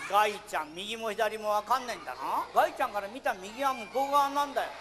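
A man's voice: sits high, fast talker, noisy background. A man performing a puppet show for children, playfully scolding his puppet and calling out to the audience.

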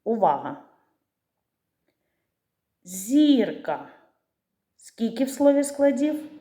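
A woman teacher giving a literacy lesson to young children, pronouncing words slowly and stretching out the syllables. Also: medium pitch, a little mellow. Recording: echoey room.

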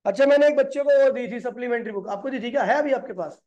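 A man's voice: extremely high pitch, fast talker, a little mellow, muffled recording. A man teaching physics in a classroom lecture. He asks the class questions and answers them himself, calling the students brother and kid.

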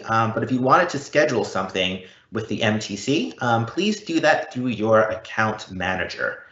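A man answers audience questions and explains technical points in an online session, broadcasting live from an indoor room. His voice is medium-pitched, pushed and bright, heard through dull, roomy call audio.

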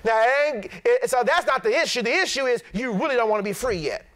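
A middle-aged pastor preaching a sermon in an animated, blunt, plain-spoken way. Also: male voice, very high-pitched, quick pace.

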